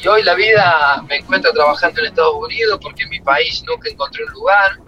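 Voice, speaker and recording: A man's voice: high-pitched, wildly swooping pitch, fast, pushed and bright, muffled recording, soft background music. A middle-aged man with an Argentine Spanish accent, a former footballer and coach telling stories from his career in an interview. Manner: emotional, reflective storytelling. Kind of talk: interview answers.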